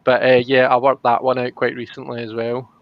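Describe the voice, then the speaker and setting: A man's voice: mid-range voice, level tone, a little fast, no room sound, muffled recording. A man with a broad Scottish accent chatting casually as a guest on a livestream. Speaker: guest co-host and tarot reader. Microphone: remote call on a livestream.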